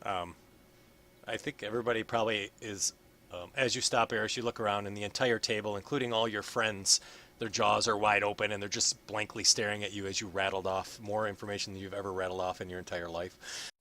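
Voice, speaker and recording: Bright-voiced man running a tabletop game. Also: on the low side, little pitch movement, a little fast. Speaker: game master. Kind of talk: improvised tabletop game narration.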